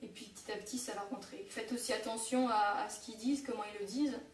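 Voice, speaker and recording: A young woman from France explains things in a casual home-made lesson, pausing on fillers and fixing her own slips. Her voice sits a little high. She is recorded from some distance in an echoey room with a faint hiss behind her. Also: fairly even intonation. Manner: hesitant, many fillers and self-corrections. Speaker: online Japanese teacher.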